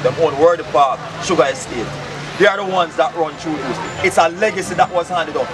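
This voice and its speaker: A Jamaican man preaches outdoors at night on a city street, with a fairly high voice for a man. He quizzes his listener and repeats each answer back. Heavy traffic and crowd noise surround the camera a few feet away. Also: a little fast. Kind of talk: street teaching with questions.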